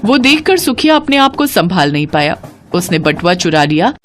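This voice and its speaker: Expressive woman narrating a kids story. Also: on the low side, moderate pace, soft background music.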